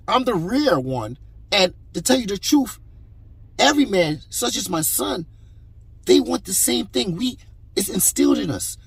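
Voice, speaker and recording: A man's voice: high voice, gravelly, breathy edge, no echo. A man giving heated, preachy commentary on a clip, emphatic and repeating himself.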